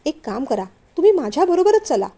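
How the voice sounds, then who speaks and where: A woman voicing a polite, gentle young man who is a company director, in a storybook reading. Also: high voice, very animated, fairly quick.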